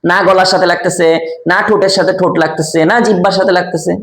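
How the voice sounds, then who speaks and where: A man teaching a step-by-step lesson, repeating key answers slowly, asking quiz questions aloud and demonstrating sounds himself. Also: high voice, little pitch movement, fairly bright tone, reverberant. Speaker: Quran recitation teacher.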